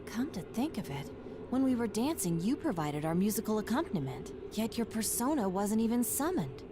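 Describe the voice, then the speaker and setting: An actress playing a composed, analytical young detective in a video game, precise and formal. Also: female voice, medium pitch, sing-song, lightly acted. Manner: precise, formal, measured wording. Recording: noisy background.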